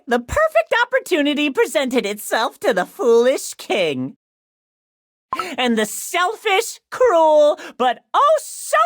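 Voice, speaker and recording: Shadow Milk Cookie, a wildly swooping trickster. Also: female voice, very high voice, no room sound, studio quality, exaggerated voice. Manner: flamboyant, mock-sincere, singsong. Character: theatrical, boastful trickster jester cookie, mock-humble showman and deceiver. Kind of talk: grandiose scripted stage narration. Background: loud music.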